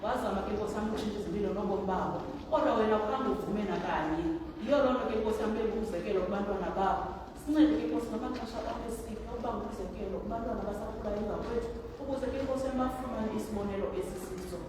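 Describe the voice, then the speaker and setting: A woman's voice: medium pitch, racing. A woman with a Xhosa accent leads a fervent extempore prayer. She races through short phrases full of repeated invocations. The recording is distant, with heavy hall echo and background noise. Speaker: person leading congregational prayer. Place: church hall. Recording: distant, very echoey noisy hall.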